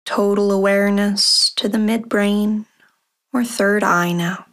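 A woman who hosts a podcast guides a body-scan meditation in a calm, very slow voice, her mid-range pitch barely shifting. She offers measured instructions in short phrases separated by long pauses.

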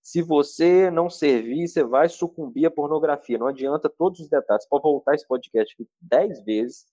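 A man with a somewhat high voice talks in a fervent, exhorting way, like a preacher on a podcast. He pushes his points hard and speaks straight to the listener as a therapist guest. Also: moderate pace, warm tone, no room sound. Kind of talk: earnest podcast talk.

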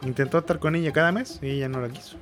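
A man's voice: fairly high pitch, very fast, soft background music. A young Chilean man co-hosting a podcast, telling a story in casual chat, acting out the quotes, swearing and laughing often. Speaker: podcast co-host.

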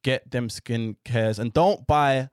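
A man's voice: medium pitch, slow, clean tone, no room sound, clean studio sound. A man with a London accent chatting casually as an interview host, with a slangy roadman-style delivery. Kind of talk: casual chat with street slang.

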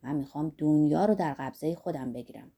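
Woman doing a gruff old rebel guy in an audiobook, dark husky voice, talks big and blunt. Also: deep voice, voice pushed down. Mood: defiant. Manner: earthy, blunt, boastful. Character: old rough lusty rebellious Greek man.

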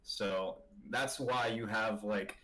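A man in a casual group chat, calmly explaining things at length in a measured way. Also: on the low side, poor audio.

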